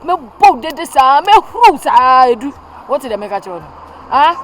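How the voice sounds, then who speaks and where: Her voice is natural and fairly high, with lively intonation, and she talks fast over slight background noise. The actress portrays a stern older mother in a Twi-language family drama, giving her child a long, emphatic lecture full of repeats and then pleading.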